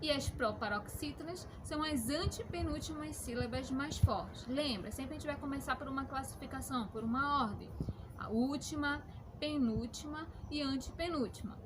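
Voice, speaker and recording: A woman's voice: high voice, normal speed, background noise. A woman teaching a lesson to children, explaining patiently and checking in with them often. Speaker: schoolteacher.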